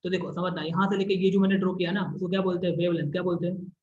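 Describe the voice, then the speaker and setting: A man with a high voice teaches a science class, drilling each term by repeating it and asking again and again whether his students understand. The sound is roomy and echoing, and the recording is a little dull and muffled. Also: flat delivery, very fast, darkish tone, a little hiss or hum. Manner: repetitive, keeps checking if students follow; draws on a board while explaining. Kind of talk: classroom physics lesson. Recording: echoey room, slightly dull recording.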